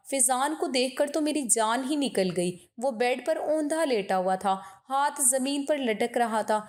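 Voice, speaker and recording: A woman's voice: sits high, darkish tone. A woman telling an emotional first-person story in an earnest, scripted reading.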